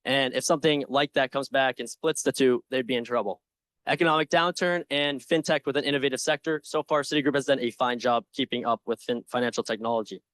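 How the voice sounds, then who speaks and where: A young man confidently and earnestly giving a prepared investment pitch with slides, with some informal asides. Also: steady tone, fast, a bit bright, dry recording. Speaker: presenter in a stock pitch competition.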